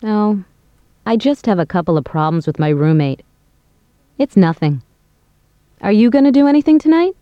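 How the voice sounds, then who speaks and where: A woman playing a young woman who talks about bills and plans with a friend, in a scripted language-course dialogue, speaking clearly and carefully. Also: on the high side, very animated, normal speed, no echo, dull audio. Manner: clear, careful everyday speech.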